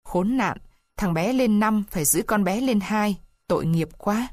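A woman's voice: medium pitch, animated, unhurried, darkish tone, no echo, studio quality. A woman reading kindly, worried fellow prisoners. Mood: pitying. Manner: pitying, advising. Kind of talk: storybook reading.

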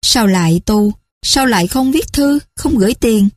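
A woman's voice: on the high side, animated, moderate pace. A woman doing a remorseful old grandmother. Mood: bewildered. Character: elderly grandmother, remorseful and anxious.

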